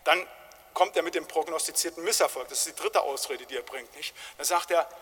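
A man's voice: on the high side, brisk, fairly bright tone, husky. A man preaching a sermon in an emphatic, colloquial way, often tagging his points with short questions. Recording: long reverb of a large hall.

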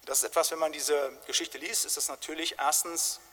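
A man's voice: fairly high pitch, little pitch movement, brisk, bright, forceful tone, a little hiss or hum. A man preaching a sermon in an emphatic, colloquial way, often tagging his points with short questions. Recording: long reverb of a large hall.

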